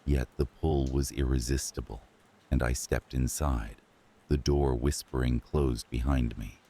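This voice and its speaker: Male narrator, very low and slow, husky tone, hushed sleep-story delivery. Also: fairly even intonation. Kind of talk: scripted horror narration for sleep.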